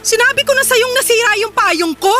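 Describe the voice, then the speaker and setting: An actress playing a tired working mother in a radio drama, scolding and sarcastic as she shouts at her partner. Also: very high-pitched, brisk. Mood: angry scolding. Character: sharp-tongued working mother, exhausted and scolding. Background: music bed.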